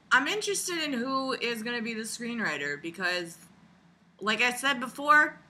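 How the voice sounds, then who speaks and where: Speaking at a measured pace in a fairly high voice, a video blogger delivers loose, rambling commentary. It is animated and sarcastic, peppered with crude humor and frequent profanity.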